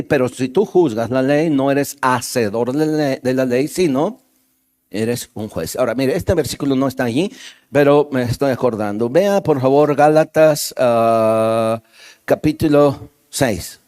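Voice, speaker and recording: A man's voice: mid-range voice, a little mellow. A man preaching a sermon as pastor, talking straight to his congregation and acting out the voices of the people in his stories. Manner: conversational preaching, talks straight to the congregation with quick asides; acts out voices in the stories he tells.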